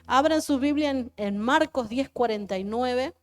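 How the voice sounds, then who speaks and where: A woman's voice: high-pitched, measured pace. A woman pastor with an Argentine accent preaching a fervent sermon at a church service, repeating her phrases and asking the congregation questions. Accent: Argentine Spanish.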